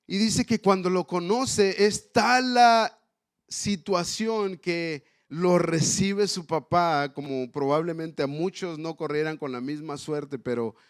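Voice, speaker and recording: A middle-aged man preaching a sermon, swinging from loud, impassioned passages to quiet, tender ones. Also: a little high, takes it slowly, smooth. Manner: addresses the congregation as family. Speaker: pastor.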